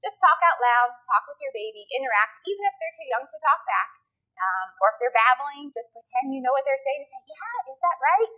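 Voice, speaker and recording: Lively sing-song woman giving parenting tips. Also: sits high, brisk, narrow, tinny audio. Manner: lilting, sing-song baby talk in examples. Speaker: library early-literacy presenter. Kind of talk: friendly parenting tips talk.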